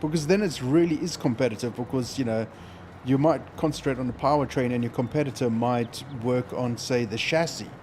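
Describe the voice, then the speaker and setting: A man's voice: medium pitch, brisk, darkish tone, a little hiss or hum. A man with an Australian accent who streams games, chatting casually and joking with a friend. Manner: joking, laughs often. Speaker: game streamer. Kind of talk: casual gaming chat.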